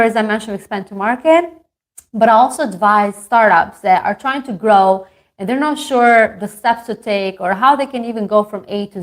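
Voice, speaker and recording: A woman speaks as a business coach to an online group. Her delivery is chatty and heartfelt, full of casual fillers. She sounds like she is talking on a video call. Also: medium pitch. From Albania. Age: 30s. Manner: chatty and earnest, many fillers. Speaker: marketing coach and company founder. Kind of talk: motivational talk to an online group.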